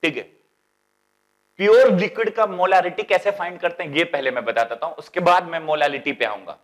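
A male chemistry teacher with a Bihari Hindi accent gives a classroom lecture. He keeps asking his students rhetorical questions and drags out the English terms slowly. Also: a little high. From India.

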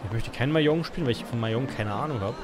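A man's voice: mid-range voice, fast talker, loud music behind the voice, over a noisy crowd. A man casually commenting on his gameplay as a let's play host, muttering and rambling with many fillers.

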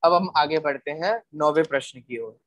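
A man's voice: a little high, moderate pace, fairly bright tone, dry recording. A man teaching scripture in a patient, explanatory lecture, often asking listeners rhetorical questions and repeating points for emphasis. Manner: rhetorical questions to listeners, checks they follow.

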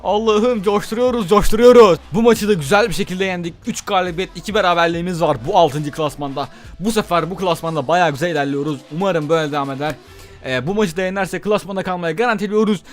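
Young guy yelling at his football game, excitable, keeps repeating himself, slightly high voice, some music behind. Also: fast talker. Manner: excitable, talks to the players on screen, repeats words. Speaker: gaming YouTuber. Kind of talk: live gameplay commentary.

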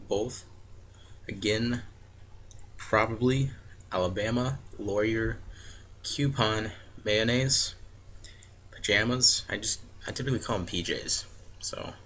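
A young American man with a low-pitched voice and a bright, sharp edge. He talks casually and plainly, stumbling and correcting himself as he goes. The webcam recording carries faint background noise. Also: low-quality recording. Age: 20s. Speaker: vlogger answering a questionnaire. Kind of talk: casual chat with word-list and book reading. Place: small home room, indoors. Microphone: webcam or laptop mic at arm's length.

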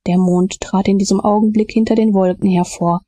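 A woman reading an audiobook as narrator in calm, measured storytelling. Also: medium pitch, no echo. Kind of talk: scripted narration.

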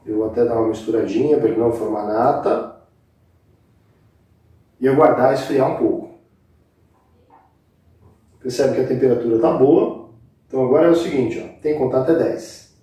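A Brazilian man with a mellow, mid-pitched voice hosts a casual cooking lesson, talking directly to viewers and walking them through each step of a recipe at normal speed with long pauses. He's on an indoor kitchen set with a brick wall, and the distant microphone picks up a very echoey room.

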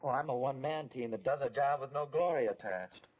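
A young man with an American accent playing a wry, eager high school boy in a 1940s instructional film. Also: brisk, husky, close to an everyday voice. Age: young adult. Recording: dull, lo-fi 1940s film soundtrack.

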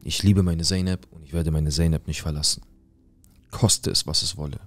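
A man's voice: very deep voice, fairly even intonation, normal speed, soft background music. A young man telling a personal story in casual street slang, acting out quoted dialogue. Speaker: guest telling his life story.

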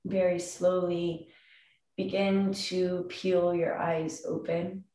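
A woman in her thirties leads a calm grounding meditation, giving soothing instructions with long pauses between phrases. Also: lowish voice. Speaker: meditation guide. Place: indoor room with wooden floor and plank wall. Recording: roomy echo, distant microphone.

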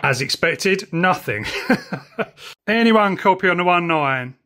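Slow yet animated, this man's high, pushed, bright voice carries a southern English accent. He's a middle-aged radio hobbyist vlogging casually from his home and back garden, chatting and making radio calls.

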